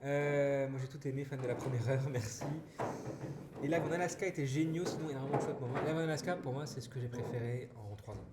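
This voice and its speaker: A male streamer talks casually to his chat, thanking viewers and reading their messages aloud. He speaks at an ordinary pitch, with frequent restarts and fillers. The sound is roomy and echoey, with loud noise underneath. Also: quick pace. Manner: chatty and warm toward chat, frequent restarts and "voilà". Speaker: streamer hosting an anniversary live.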